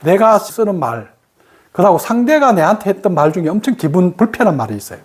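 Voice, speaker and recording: A woman with a Gyeongsang accent teaching a meditation class, animated and acting out the speech of others in changed voices. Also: on the low side, fast. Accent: Gyeongsang Korean. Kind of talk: spoken meditation lesson.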